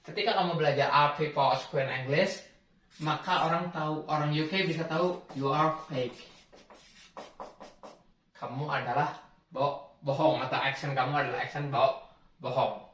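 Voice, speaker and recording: A young man hosting a casual lesson, explaining things in a relaxed way and often stopping to repeat or restart a word. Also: fairly high pitch, moderate pace, long pauses, recorded from a distance. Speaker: host teaching English accents. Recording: roomy, from off-mic, faint background hiss.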